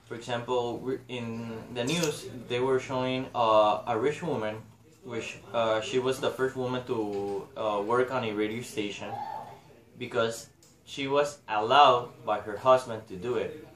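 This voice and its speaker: Young man, halting, echoey room. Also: mid-range voice, steady tone, a bit bright. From Honduras. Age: young adult. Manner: hesitant, many filler uhs. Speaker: student presenter. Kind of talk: class presentation. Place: small indoor room.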